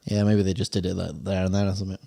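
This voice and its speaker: Low-voiced man, loose and casual. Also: very fast, vocal fry. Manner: relaxed, loose, sweary asides. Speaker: music reaction channel co-host. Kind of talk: casual reaction chat.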